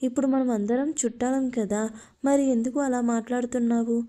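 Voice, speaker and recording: A woman voicing a scheming young woman who turns up uninvited, reading her lines in a flat, even way. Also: on the high side, moderate pace, close to an everyday voice. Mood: innocent.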